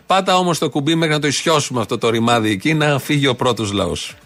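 Man, radio host, sardonic, satirical banter, mid-pitched voice. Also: expressive, a bit bright.

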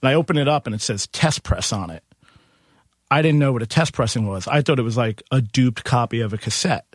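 Lively and a little fast, this medium-pitched man is recorded in clean studio sound with no room sound. He owns a bar and music venue, hails from Queens, and as an interview guest he tells casual stories that slide into quoted exchanges.

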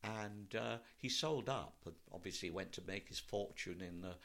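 In a conversational interview, a Welsh-born actor who later lived in London tells stories from his life. He is older, speaks with a British RP accent, and his slightly low, somewhat bright voice moves at normal speed.

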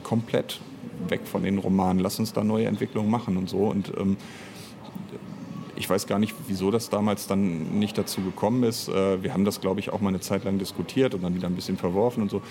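Speaking briskly in a low, steady voice against background noise, a middle-aged man reflects during a casual interview about his work writing and directing audio drama. His delivery is hesitant and thought-out-loud, with frequent breaks to rephrase.

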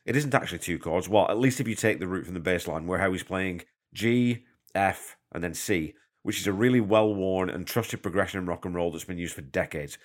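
A Canadian man hosts a casual podcast monologue from a hotel room, speaking into a portable mic. His voice sits low and moves a little fast, slightly congested from a cold. He's chatty and self-deprecating, patiently explaining things.

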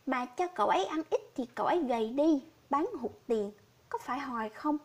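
A woman's voice: sits high, expressive, brisk, a little mellow. Woman voicing a grieving poor old man. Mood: sorrowful. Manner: sorrowful, pleading.

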